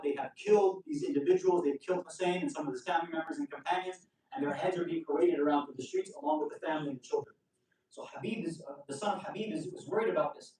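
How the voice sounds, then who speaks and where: A man's voice: a little high, a little mellow, slight background noise. A man telling a religious story in a sermon, voicing the figures' words and rising to impassioned pleas. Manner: retells quotes in character, rising to impassioned pleading. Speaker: speaker at a religious gathering. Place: large hall or center. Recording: roomy echo from a distance.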